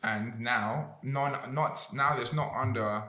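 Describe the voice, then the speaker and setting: Young man, London accent, mid-pitched, probing and argumentative, echoey room. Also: measured pace, bright, forceful tone. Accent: London English. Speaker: podcast co-host. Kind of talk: casual group banter.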